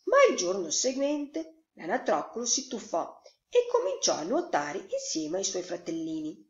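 A woman storyteller reading a fairy tale to children in an expressive, sing-song way. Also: mid-range voice, normal speed. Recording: roomy echo, slightly dull sound.

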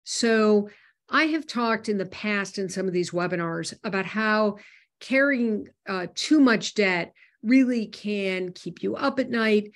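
A woman's voice: medium pitch, animated, slow. Chatty woman with many fillers. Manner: conversational with frequent fillers and restarts. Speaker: host. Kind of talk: webinar talk on personal finance.

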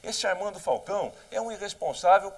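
A man's voice: high voice, brisk. A middle-aged man with a Brazilian accent, a political candidate answering questions defensively and emphatically in a heated televised debate. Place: television studio.

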